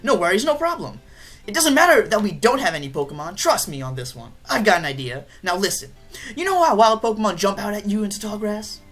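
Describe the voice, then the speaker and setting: A woman voicing a cocky, impatient boy rival in a video game, brash and excited. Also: medium pitch, a little fast, soft background music, natural voice. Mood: eager.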